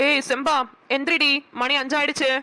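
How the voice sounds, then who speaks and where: A woman's voice: sits high, fairly even intonation, moderate pace, heavy background noise. A woman with a Namakkal Tamil accent voicing a bossy, scolding friend in a cartoon. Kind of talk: cartoon voice acting.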